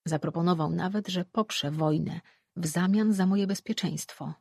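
An audiobook narrator reading a fantasy novel in an even, steady storytelling manner. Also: medium pitch, moderate pace, vocal fry, slightly rough, no echo, studio quality.

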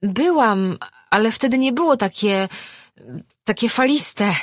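A woman's voice: animated, measured pace, no room sound, clean studio sound. A woman voicing a timid but determined young sea-dwelling girl, breathless and eager. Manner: breathless, eager, high-pitched.

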